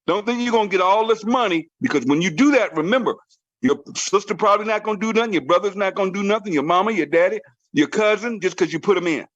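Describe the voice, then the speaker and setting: A man's voice: high-pitched, fast talker, dull audio. A man leading a motivational team training call, urging and repeating his points with emphatic, preacher-like drive. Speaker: network marketing team trainer. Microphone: conference call line.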